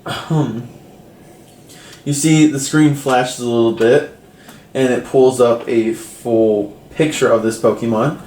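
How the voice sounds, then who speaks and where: A man's voice: mid-range voice, fairly even intonation, slow, darkish tone. A man running a tabletop game as game master, narrating casually with fillers. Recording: roomy echo, faint background noise.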